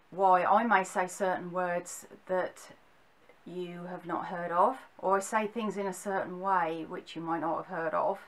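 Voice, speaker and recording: A middle-aged woman from Suffolk speaks with a Suffolk accent in a medium-pitched voice. She takes her time, explaining casually and wandering a little as she hesitates between phrases. It sounds like an informal talk to camera at home. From Suffolk, England. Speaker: vlogger explaining local dialect. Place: small furnished room at home, indoors.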